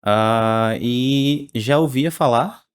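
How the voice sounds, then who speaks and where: A man, speaking as the researcher guest on a podcast interview in a measured way with frequent tag questions. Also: mid-range voice, smooth, no room sound, clean studio sound. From Salvador, Bahia, Brazil.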